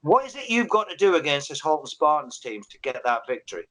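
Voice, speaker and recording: A man's voice: a little high, big pitch swings, fast talker, a bit bright. A man interviewing coaches on a sports live stream, chatty and prone to restarting his questions. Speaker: interviewer at a football final.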